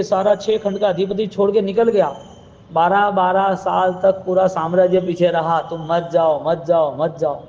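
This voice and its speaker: A man's voice: sits high, warm tone, big-room sound, dull audio. A man giving a sermon as a Jain preacher, asking repeated questions and telling stories to make his point. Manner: questioning, repetitive, storytelling delivery.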